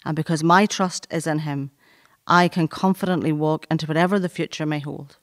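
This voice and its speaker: A woman giving a scripted radio devotional in a gentle, earnest and measured way. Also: low-pitched, steady tone, no echo, studio quality.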